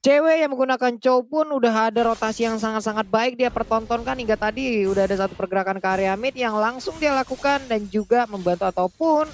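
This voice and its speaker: A man's voice: very high-pitched, fast, few pauses. A man with an Indonesian accent delivering live esports commentary as part of a casting team.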